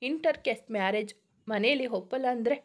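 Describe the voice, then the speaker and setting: A woman's voice: a little high, a little fast, lightly acted. A woman voicing a cheeky, playful young woman who teases her elder brother. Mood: coaxing. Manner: playful and mischievous.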